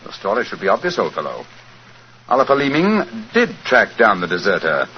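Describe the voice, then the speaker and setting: British detective, precise, assured, formal, lively intonation, 1940s radio drama, muffled old recording. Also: male voice, lowish voice, fairly quick, slight background noise. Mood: calm, explanatory. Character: shrewd, composed English gentleman detective, coolly authoritative.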